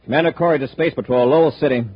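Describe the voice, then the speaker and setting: An actor playing a decisive, authoritative space patrol commander in a 1950s radio drama, with a clipped, commanding manner. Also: male voice, medium pitch, very fast, husky, lightly acted. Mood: urgent, commanding. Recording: dull vintage 1950s radio recording.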